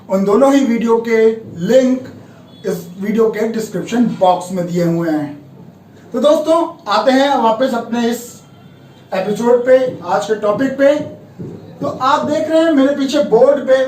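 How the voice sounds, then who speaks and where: A man teaching English pronunciation in a video lesson, spelling words out letter by letter and repeating each one slowly. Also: very high voice, darkish tone, roomy sound, recorded from a distance, slight background noise, poor audio. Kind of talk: classroom-style video lesson. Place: room with a board beside him.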